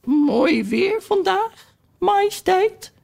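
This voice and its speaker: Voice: very high-pitched, big pitch swings, very slow, gravelly, a little mellow, voice pushed up, exaggerated voice. A reader voicing a pompous old duchess who rambles in morals. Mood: fawning. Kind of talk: audiobook reading.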